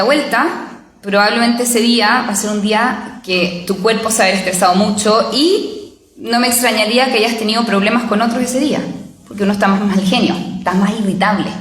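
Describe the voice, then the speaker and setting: A woman lectures at a parish gathering in a relaxed, conversational way, often pausing to check that her listeners follow. Her voice sits at a medium pitch, and the recording carries the echo of a large hall. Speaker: theologian giving a parish talk. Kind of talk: spoken lecture to a parish group.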